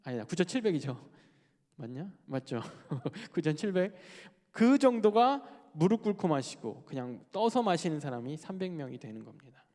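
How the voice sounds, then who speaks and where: A man delivers a sermon in a conversational, animated manner, often slipping into quoted speech as he talks to the congregation. His voice sits a bit high for a man. The sound carries a long reverb from a large church hall. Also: normal speed. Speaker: preacher. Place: church sanctuary.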